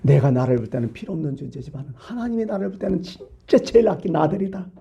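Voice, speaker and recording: Male pastor, sermon delivery, warm mellow tone, emphatic with sudden hushed lines. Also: fairly high pitch, sing-song, fast talker, creaky, muffled recording. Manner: emphatic preaching with rhetorical questions, swinging from loud to hushed. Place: church.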